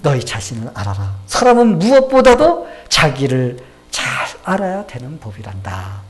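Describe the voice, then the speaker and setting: A man's voice: mid-range voice, very animated, normal speed, close to an everyday voice. A man voicing a proud old male philosopher who has been humbled, in a sermon story. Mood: instructive. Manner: pleading loudly in the water scene.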